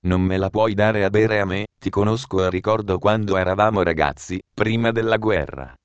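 A man's voice: on the low side, moderate pace, smooth, dry recording, dull audio, close to an everyday voice. A man voicing a stern, protective male friend who speaks bluntly and insistently. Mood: earnest.

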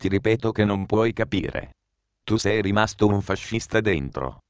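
A man voicing a sharp-tongued young woman who answers curtly and defensively. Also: on the low side, lively intonation, normal speed, smooth, no room sound, highs cut off, natural voice. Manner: curt, defensive.

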